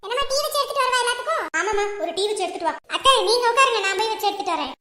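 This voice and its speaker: A woman's voice: very high-pitched, lively intonation, bright, forceful tone, slight background noise. A woman acting out a comic family skit, chatty and teasing, voicing several relatives. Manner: quick, chatty, teasing banter. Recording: echoey room with faint music.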